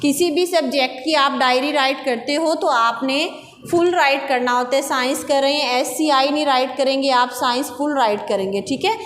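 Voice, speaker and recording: High-pitched Pakistani woman teaching slowly. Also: a bit bright. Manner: slow, patient dictation of words and meanings. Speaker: school English teacher. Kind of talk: classroom lecture to children. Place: classroom. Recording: echoey classroom, faint background noise.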